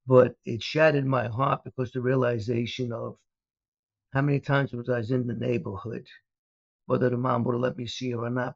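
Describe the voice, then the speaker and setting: This older, gravelly-voiced guest from Brooklyn, New York, once a mobster and now a speaker, meanders through his stories in an interview, full of "uh" fillers and false starts. His voice sits in the mid range. The recording is dry, dull, and lo-fi, with no echo.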